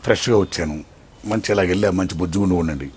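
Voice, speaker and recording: An older man as an interview guest, telling his life story in an animated way, swinging between loud excitement and hushed tones. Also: low voice, fast talker, breathy edge.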